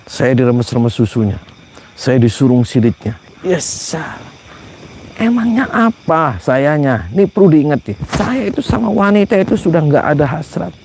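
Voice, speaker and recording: A man's voice: on the high side, very animated, moderate pace, gravelly, darkish tone, a little hiss or hum. A man giving a comedic monologue to camera as a shaman persona, mock-indignant and rambling with exasperated asides.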